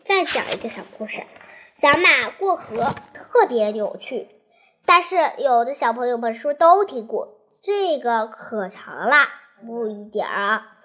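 A young child tells a storybook tale, pausing and restarting as the words come. The voice is high and the pace is slow and careful. It sounds like a children's story reading. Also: pushed and bright. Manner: slow, halting telling with restarts.

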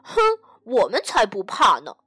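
A woman voicing two rude, boastful little wolf cubs, taunting and shouting loudly. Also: mid-range voice, very animated, measured pace, breathy edge, no room sound, studio quality, faint music behind, exaggerated voice. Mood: defiant taunting.

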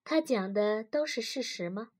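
A woman voicing a calm, composed male psychologist in a storybook reading, asking quiet, measured questions. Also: a little high, husky.

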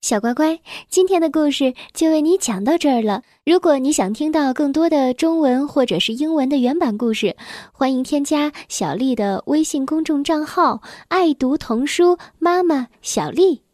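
A woman reading a bedtime story for children, gentle and tender as she speaks straight to the child. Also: high voice, lively intonation, normal speed, hardly any pauses, no room sound, clean studio sound.

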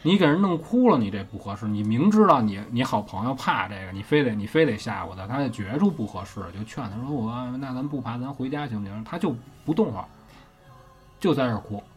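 A man's voice: medium pitch, big pitch swings, fast talker. Host, male, Beijing accent, casual ghost-story telling, profane and chatty, faint music bed. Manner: chatty, swears casually, keeps checking with listener.

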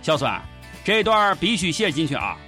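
A man's voice: a little high, sing-song, moderate pace, bright, forceful tone, faint music behind. A man with a Shaanxi accent giving comic news commentary in a mocking, colloquial, sarcastic way. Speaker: host of a satirical news show.

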